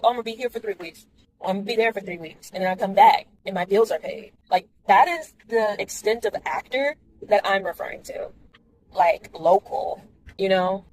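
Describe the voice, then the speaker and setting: A woman's voice: medium pitch, slight background noise, poor audio. Chatty woman vlogging from her car. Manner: chatty, candid, animated asides to viewers. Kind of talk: casual driving vlog monologue. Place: car, driving in the rain.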